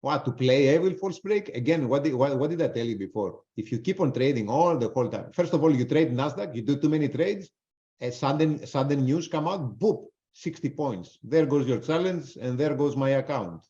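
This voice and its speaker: Heard through dull lo-fi webinar audio, a male trader with a non-native accent talks at a normal speed in a warm, expressive, medium-pitched voice. He offers blunt, casual live trading commentary, fields audience questions, and swears freely.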